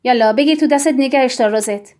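A woman's voice: high voice, a little mellow, lightly acted. A woman playing a stern, scolding man. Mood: insistent. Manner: scolding, insistent. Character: stern rigid middle-aged man, quick to anger.

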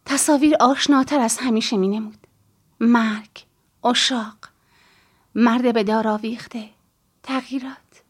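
Female audiobook narrator, first person, calm and measured, slightly high voice. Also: breathy edge.

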